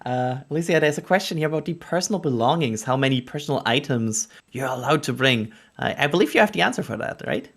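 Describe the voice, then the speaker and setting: A man's voice: medium pitch, expressive, quick pace, hardly any pauses, a bit bright. A man hosting a livestream with casual, hesitant live launch commentary. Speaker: livestream host.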